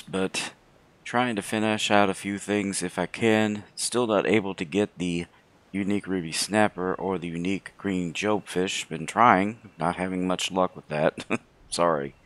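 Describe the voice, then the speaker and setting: A man with a slightly hoarse voice giving casual, unhurried, low-voiced commentary as host of a gaming video. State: hoarse from throat trouble.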